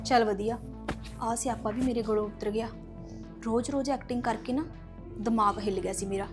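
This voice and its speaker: A woman acts out a scheming young woman in a homemade drama. Her voice is high and quick, and she talks with an urgent, conniving edge. Faint music plays behind her. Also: steady tone, lightly acted. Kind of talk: amateur web-drama acting.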